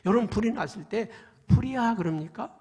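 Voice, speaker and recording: Male pastor, raspy and gravelly, dramatic sermon delivery in a reverberant sanctuary. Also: a little high, lively intonation, moderate pace. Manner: dramatic preaching, swings from loud cries to hushed near-whispers. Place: church sanctuary.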